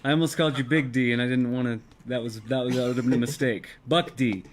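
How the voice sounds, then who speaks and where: A man's voice: mid-range voice, fairly even intonation, fast talker, a crowd in the background. A man guesting on a live show, joking with dry self-deprecating humor. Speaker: guest illusionist. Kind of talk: casual chat.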